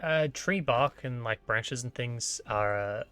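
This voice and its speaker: Bright-voiced Australian man running a game. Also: medium pitch, clear, resonant tone. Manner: halting, casual. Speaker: game master. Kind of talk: improvised tabletop game narration.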